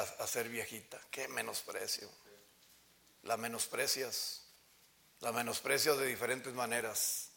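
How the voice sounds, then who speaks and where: A male pastor preaches with passion. His bright, forceful voice leaps to loud cries and drops to low murmurs. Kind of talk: sermon. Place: church sanctuary.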